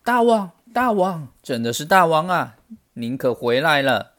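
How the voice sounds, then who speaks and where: A man's voice: mid-range voice, moderate pace, close to an everyday voice. A man voicing a frightened band of little monkeys who plead anxiously, in a children's storybook. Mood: relieved.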